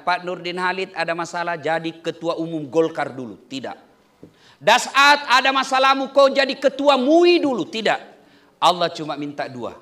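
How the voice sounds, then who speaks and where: A middle-aged man from Indonesia giving a humorous sermon, playful and animated, swinging between loud bursts and soft asides. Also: very high voice. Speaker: preacher.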